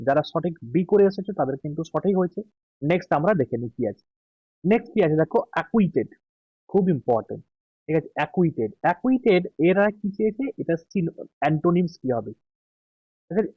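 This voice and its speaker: A man with a Bengali accent, an exam tutor going through answer keys slowly, stretching out English words and checking in often. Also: high-pitched, sing-song, husky, no room sound, dull audio.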